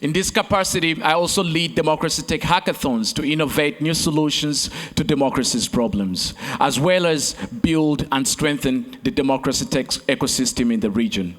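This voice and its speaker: Male keynote speaker, slightly high voice, oratorical repetition, stage mic in a big echoing hall. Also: moderate pace, few pauses, fairly bright tone. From Uganda. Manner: repetitive oratory, addresses crowd as friends. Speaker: keynote speaker and competition host. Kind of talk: rhetorical keynote speech. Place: large conference hall stage. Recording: long reverb of a large hall.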